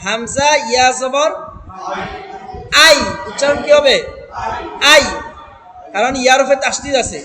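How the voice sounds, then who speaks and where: A man's voice: extremely high pitch, crowd noise. A man teaching Quran reading in a classroom with a Bangladeshi Bengali accent, patiently quizzing students and chanting examples. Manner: patient, questioning drills, chants examples slowly. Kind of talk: classroom recitation lesson. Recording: noisy room recording.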